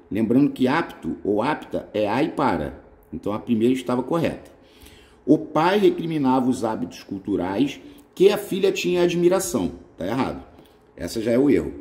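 A Brazilian man with a Brazilian Portuguese accent, walking through an exam-prep grammar quiz and often checking in with quick "né?" and "tá?" tags. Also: mid-range voice, dark tone. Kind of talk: lively grammar quiz walkthrough.

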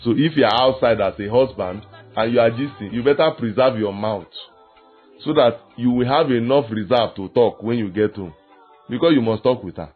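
A male pastor preaches in a lively, animated way, acting out little scenes between husbands and wives. His voice is husky, and the sound is thin and phone-like, with faint music underneath. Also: medium pitch, normal speed. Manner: lively preaching with acted quotes and laughter. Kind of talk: sermon.

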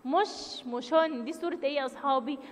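Woman, Egyptian Arabic accent, primary school teacher, drawn-out emphatic syllables, reverberant room. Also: sits high, a little hiss or hum. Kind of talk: children's reading lesson.

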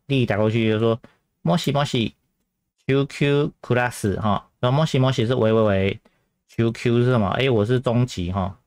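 A man's voice: on the low side, no echo. A man teaching Japanese grammar in a chatty way, repeating phrases and tagging them with filler particles. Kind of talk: grammar lesson explanation.

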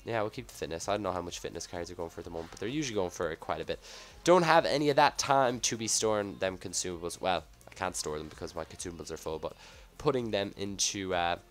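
A man with a low voice, a little husky from a cold, commentates live on a game pack opening. He talks casually, reacting offhand to each item as it shows up. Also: quick pace, hardly any pauses. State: slightly sick, husky off voice from a cough. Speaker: gaming video host.

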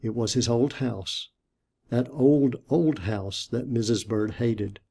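A man reading a picture book aloud for a church storytime, then giving a short lesson, in a gentle, deliberate way. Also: medium pitch, steady tone, gravelly, slightly rough.

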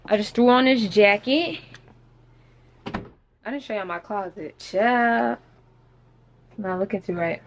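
Speaking slowly with frequent pauses, a vlogger in her twenties chats playfully in her apartment kitchen while holding her phone to film. Her voice sits in the mid range, and there's slight hiss or hum.

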